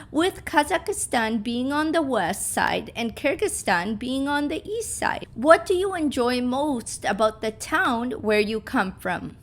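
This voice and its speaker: A woman's voice: high voice, a bit bright. A woman in her thirties from Uzbekistan, reading both the questions and the prepared answers of a practice speaking exam, with small slips and restarts. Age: 30s. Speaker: English teacher. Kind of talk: reading both sides of a mock speaking test.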